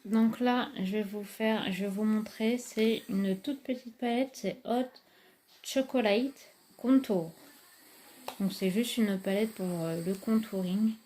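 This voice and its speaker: A woman's voice: medium pitch, fairly even intonation, a little slow, hardly any pauses, warm tone, a little hiss or hum. A woman, casually reviewing makeup palettes in a chatty, hesitant way with many fillers. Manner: enthusiastic about products. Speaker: beauty vlogger.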